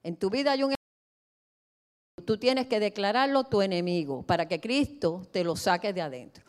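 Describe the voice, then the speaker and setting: A middle-aged woman pastor preaching a sermon in a church, emphatic, moving between soft asides and loud declarations. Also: medium pitch, normal speed, clean tone.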